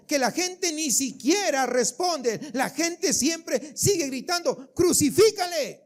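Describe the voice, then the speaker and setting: A man preaching a sermon as pastor of a church service, emphatic and full of rhetorical questions aimed at the congregation. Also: very high voice.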